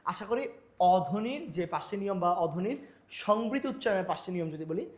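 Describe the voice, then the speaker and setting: A man's voice: high voice, animated, fairly quick. A male Bangla teacher lecturing on pronunciation rules, asking questions and answering them himself while repeating example words.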